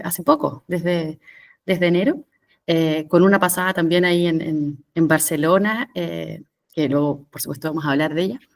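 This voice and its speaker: A woman in her thirties with a Chilean Spanish accent, a guest on a podcast. Her voice sits somewhat low for a woman, and she speaks reflectively, pausing on fillers and restarting phrases. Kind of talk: conversational interview.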